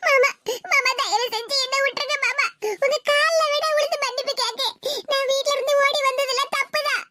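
A woman's voice: very high-pitched, fairly even intonation, brisk, pushed and bright, no echo, clean studio sound. A woman voicing a frightened young woman with a Tirunelveli accent, pleading tearfully with her uncle in a cartoon. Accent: Tirunelveli Tamil.

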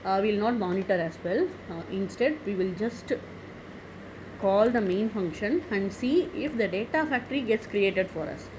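A woman narrating a screen-recorded software tutorial, methodical and step-by-step, with frequent "okay" and "uh" fillers. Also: mid-range voice, lively intonation, moderate pace. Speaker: tech tutorial presenter. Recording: noticeable background noise.

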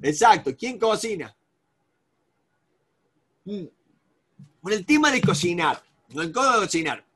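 Argentine male seminar instructor, high-pitched, animated and repetitive, addresses the group by name. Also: unhurried, pauses often, slightly rough. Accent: Argentine Spanish. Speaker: negotiation instructor. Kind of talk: live seminar lecture to a group.

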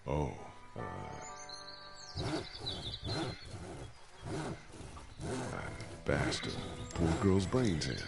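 An actor playing a steady middle-aged survivor who used to be a professor, speaking in a calm, measured, gentle way. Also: male voice, very deep voice, creaky, over music, heavily acted. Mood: sober.

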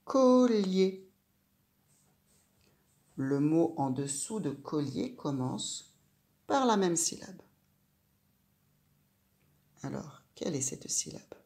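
A woman teaching a reading lesson to a young child, sounding out syllables slowly and clearly and asking the child questions. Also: low voice, lively intonation, warm tone. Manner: slow, clear, syllable by syllable, addressing the child directly.

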